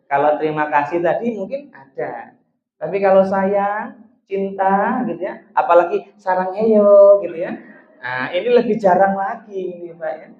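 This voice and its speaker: A man, a psychologist, giving a chatty religious talk on marriage, speaking directly to the husbands and wives in his audience. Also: a little high. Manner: chatty, addresses audience directly as sirs and ladies. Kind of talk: religious study talk to couples. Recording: echoey room, dull lo-fi sound.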